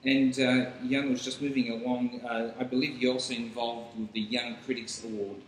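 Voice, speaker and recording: A man's voice: medium pitch, level tone, moderate pace. A man working as an interviewer, putting questions politely to a guest. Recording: echoey room, faint background noise.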